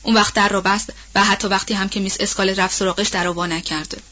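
A fretful old nanny woman, read by a woman in a storybook recording, rambling on in a loose, colloquial way. Her voice sits at a middling pitch. The sound is dull and lo-fi. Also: fairly even intonation, pushed and bright. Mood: worried. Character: old household nanny woman, anxious and gossipy. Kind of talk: audiobook role-play reading.

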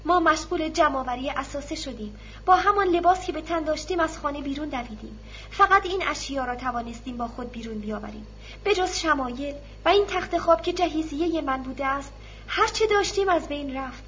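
A woman voicing a young servant girl who shouts excitedly in a storybook reading. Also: high-pitched, dull audio, a little hiss or hum. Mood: panicked. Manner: shouting, breathless.

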